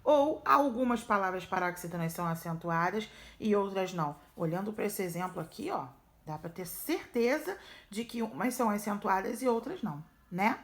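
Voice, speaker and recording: A primary school teacher with a Brazilian Portuguese accent records a remote lesson, patiently guiding young pupils through workbook exercises and checking in often. Her medium-pitched voice is expressive, at normal speed.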